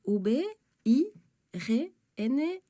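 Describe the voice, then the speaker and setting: Young French waitress, textbook audio, mellow, unhurried. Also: female voice, high-pitched, sing-song, no room sound, studio quality, exaggerated voice. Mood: plain. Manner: plain, clear answers spelling things out. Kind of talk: scripted textbook audio dialogue.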